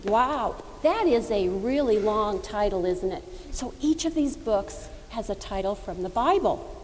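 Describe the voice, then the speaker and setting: A woman giving a children's sermon in a sweet, patient Sunday school manner, using simple words and gently coaxing. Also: mid-range voice, expressive, measured pace. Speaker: children's message leader at church. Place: large echoing church indoors. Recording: reverberant church hall with background noise.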